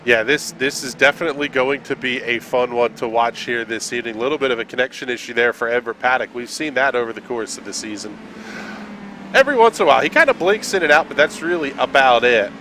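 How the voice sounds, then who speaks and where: A man calling play-by-play for an online racing broadcast, brisk and steady, rising sharply when trouble hits the track. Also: mid-range voice, a little hiss or hum. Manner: brisk, builds to shouts at incidents. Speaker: play-by-play commentator. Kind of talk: sim racing play-by-play commentary.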